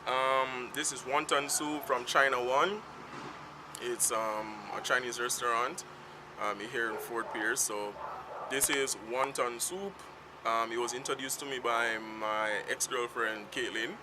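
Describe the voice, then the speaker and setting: Outdoors in a sunny town, a vlogger films himself and talks unscripted to the camera in a loose, meandering style. His accent is Jamaican and Patois is his first language; his voice is medium-pitched, fairly even in intonation, and unhurried. Street traffic hums faintly nearby.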